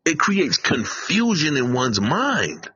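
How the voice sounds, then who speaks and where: A man's voice: fairly high pitch, very animated, slow, bright, forceful tone, breathy edge, dry recording, highs cut off. A man hosting a live stream, preaching emphatically, repeating his phrases and swearing. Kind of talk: casual live-stream commentary.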